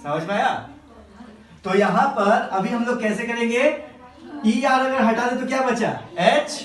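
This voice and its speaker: Classroom teacher, slow and drawn out, mid-pitched voice, echoey room, mic some distance off. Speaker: English teacher.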